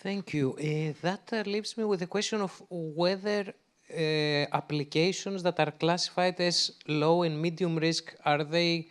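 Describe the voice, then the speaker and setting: Higher-voiced male moderator, smooth. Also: fairly even intonation, measured pace. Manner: hesitant, questioning. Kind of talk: panel discussion.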